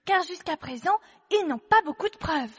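Actress voicing a polite young girl, high bright voice, reverberant room, storybook. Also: expressive, moderate pace. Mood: earnest. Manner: polite, earnest.

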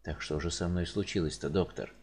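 A man voicing a frightened, grumpy middle-aged male patient, speaking low and quiet. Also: very animated, measured pace. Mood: glum.

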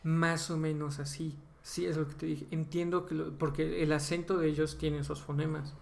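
Mexican guy on a podcast, kinda high voice, ranting about dubbing, lots of slang. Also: level tone, moderate pace, vocal fry, a little mellow. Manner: opinionated, emphatic, slangy. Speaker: podcast co-host. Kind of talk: casual chat about voice dubbing.

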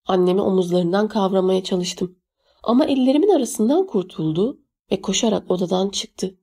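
A woman reads a first-person novel aloud in a measured, steady voice. Her tone is mellow and warm, with a rounded, unhurried storytelling delivery. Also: medium pitch, husky. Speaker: audiobook narrator.

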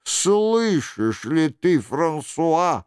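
A man's voice: a little high, big pitch swings, clean tone, no room sound, studio quality, pitched above the performer's own voice, exaggerated voice. A coaxing scheming queen mother, read by a man. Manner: slow, pleading, coaxing delivery.

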